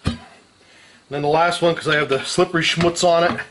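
Over soft background music and clanking tools, a middle-aged man hosts a how-to video in an open garage, working a few feet from the camera. His fairly high voice is a bit bright and steady in tone, moving a little fast, and his talk is full of folksy, salty slang.

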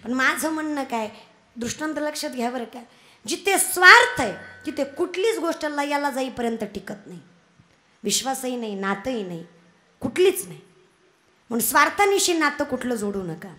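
A young woman delivers a devotional kirtan sermon. Her voice sits high and sounds bright and forceful. She teases and scolds the listeners, calling out to them directly. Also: animated, moderate pace. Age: young adult. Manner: scolding, teasing, calls out to the audience. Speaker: kirtan preacher.

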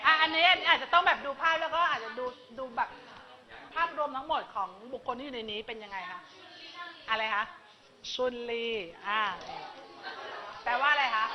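A woman teaching a language class, running a quick vocabulary drill and prompting her students with short questions. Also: sits high. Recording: dull lo-fi classroom recording with students chattering.

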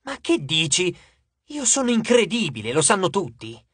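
A self-obsessed handsome young man from an audiobook, haughty and petulant, as a male narrator puts him on. His pitch swings widely as he whines and boasts, in a dry, close recording. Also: wildly swooping pitch, normal speed, a bit bright, slightly rough, dry recording, heavily acted.

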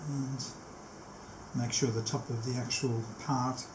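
This is an unscripted, hands-on walk-through of a tape machine setup by a technician in his sixties, who explains each step and frequently pauses mid-task. He speaks in a mid-range voice with little pitch movement. The recording, made on a camera mic in a small cluttered workshop, sounds echoey with faint background noise.

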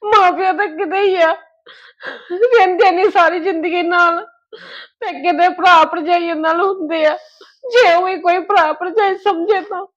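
A woman's voice: very high-pitched, steady tone, normal speed, fairly bright tone, highs cut off. A woman with an Indian Punjabi accent acting a hurt married sister who cries and pleads in an amateur family drama skit. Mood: tearful. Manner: plaintive, pleading. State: crying. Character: hurt, tearful married sister visiting her brother's home.

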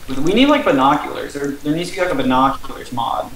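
A man gaming with friends over voice chat, giving directions and reading rules aloud haltingly. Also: a little high, lively intonation, fairly bright tone. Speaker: gamer. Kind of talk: casual voice-chat banter. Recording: roomy echo, faint noise.

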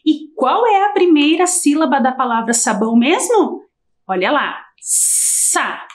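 A woman's voice: high voice, animated. A Brazilian woman teacher giving a televised lesson to young children, drawing out her words in a sing-song way. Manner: slow, drawn-out, sing-song teacher talk. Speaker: primary school teacher.

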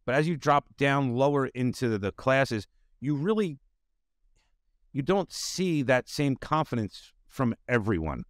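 A middle-aged man hosts a casual interview chat from a home studio lined with bookshelves, using a desk mic on a video call. His medium-pitched voice is expressive and unhurried, the sound is dry with no room echo, and his rambling delivery is packed with "you know" fillers.

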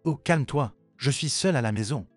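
A bitter, guilt-tripping mother in a spoken story, voiced by a man in his everyday reading voice. The delivery is reproachful and pointed, at a middle pitch. The sound is dry and close, with faint music underneath. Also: animated, fairly quick, slightly rough, no echo. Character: bitter manipulative mother, middle-aged woman.

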